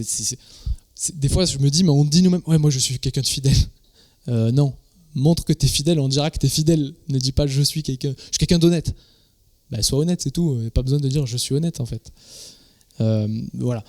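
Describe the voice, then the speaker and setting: A man's voice: on the high side, a little mellow. A man, a pastor, preaching a sermon in a conversational, informal way, often repeating words as he searches for phrasing. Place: church.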